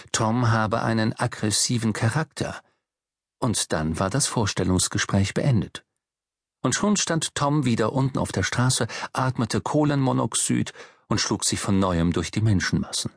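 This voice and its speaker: A man narrating an audiobook in a steady, low-key storytelling voice. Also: a little slow, vocal fry, no echo, clean studio sound.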